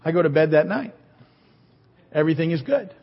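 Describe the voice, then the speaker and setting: A pastor in his fifties preaches a sermon, telling a self-deprecating story about himself in a voice that's on the high side, expressive and brisk. The sound is dull, captured in a reverberant hall.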